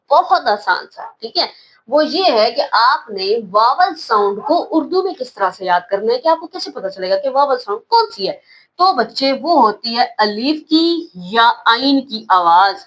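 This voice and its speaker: A woman's voice: high-pitched, a bit bright, rough recording. A woman with a Pakistani accent teaching English pronunciation, patiently repeating words and quizzing her students. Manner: patient, repeats words and asks questions back. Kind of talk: classroom-style lesson.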